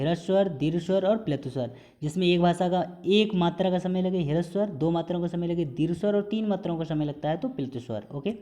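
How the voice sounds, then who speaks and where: A man's voice: sits high, dark tone. A man teaching a recorded exam-prep lesson as a Hindi teacher. He explains step by step, drags out sounds to show how they are pronounced, and mixes English terms into his talk. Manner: explanatory, drawn-out sounds to demonstrate pronunciation.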